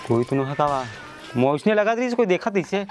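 A man's voice: fairly high pitch, very animated, fairly quick. A man in his twenties playing a boastful, insistent village husband in a comedy skit, with a Chhattisgarhi accent. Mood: pleading. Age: 20s. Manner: insistent, bantering. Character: boastful, pushy young village husband who drinks. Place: village lane and porch, outdoors. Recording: loud music behind dialogue.

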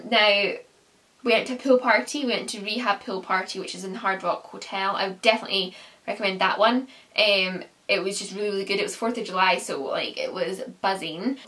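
A chatty young woman from the UK talks through her travels with a bright, forward voice, sprinkling in "um" and "like". She is recorded on a camera set a little way off in her small bedroom, so her voice sounds slightly distant. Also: medium pitch. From United Kingdom. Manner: chatty, with frequent "um" and "like". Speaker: travel vlogger. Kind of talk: casual travel recap to camera.

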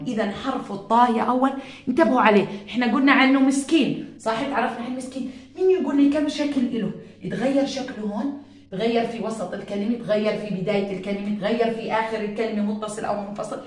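Jordanian-accented woman, primary teacher, slightly high, sing-song delivery, heavy room echo. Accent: Jordanian Arabic. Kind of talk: recorded first-grade lesson. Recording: very echoey room.

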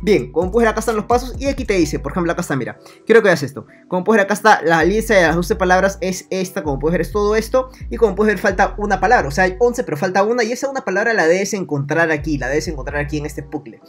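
A man's voice: high-pitched, expressive, fast talker, few pauses, faint music behind. A man talking straight to the viewer in a screen-recorded tutorial, repeating himself a lot and voicing the viewer's questions. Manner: repetitive, talks to viewer directly; voices imagined viewer questions. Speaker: online money-making youtuber.

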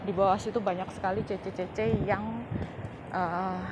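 A vlogger with a medium-pitched voice chats casually and unhurriedly as she walks through outdoor streets and into an indoor shopping mall, keeping up relaxed commentary. It's recorded on a handheld phone camera, and loud street and mall ambience fills the video.

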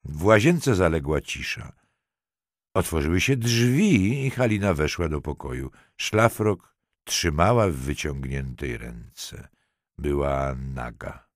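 This is a male audiobook narrator with a very low voice. His intonation is lively and expressive. The recording is dry and close, with no room sound. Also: slow, dry recording. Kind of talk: scripted narration.

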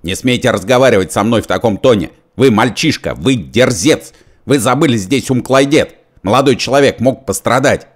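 A man's voice: deep voice, lively intonation, normal speed, hardly any pauses. A man voicing a fat, fussy official who shrieks with outrage. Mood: outraged. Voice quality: shrieking, indignant.

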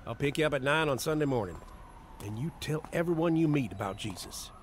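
A male actor, medium in pitch and lightly acted, voices a steady and devout mentor-friend in an audio drama. His manner is measured and exhorting, and the tone comes across firm but friendly.

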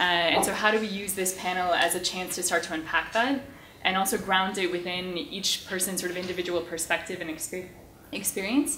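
A woman's voice: fairly low pitch, a bit bright. A woman chairing a conference panel, talking loosely with many fillers. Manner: filler-heavy, loosely structured speech. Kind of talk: moderating a panel discussion. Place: conference hall stage. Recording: echoey hall with faint noise.

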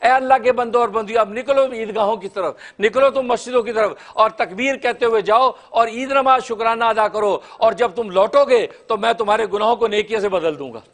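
A high-pitched middle-aged man preaches with fervor in an Urdu accent. He gestures broadly and swells to near-shouts when quoting. He is recorded close on a lapel mic in a small studio room. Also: brisk, few pauses. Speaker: mufti, religious speaker. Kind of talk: sermon-style address.

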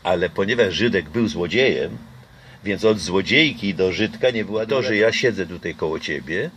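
Sitting low in pitch yet a bit bright, this older Polish man's voice has lively intonation and a moderate pace. He's being interviewed casually on a garden patio, musing and hesitating with many fillers and restarts. The nearby camera mic catches slight background noise.

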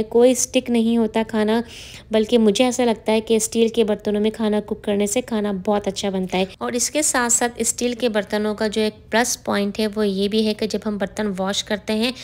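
A woman's voice: medium pitch, a little mellow. A middle-aged woman giving a friendly, explanatory voice-over for a home cooking tutorial, sharing tips with viewers. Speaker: cooking vlogger.

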